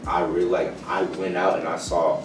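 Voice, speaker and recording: Very deep-voiced young man, easygoing. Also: level tone, moderate pace. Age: young adult. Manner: easygoing, upbeat, encouraging. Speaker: interviewee. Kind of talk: casual interview. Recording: roomy sound from a distant mic with music.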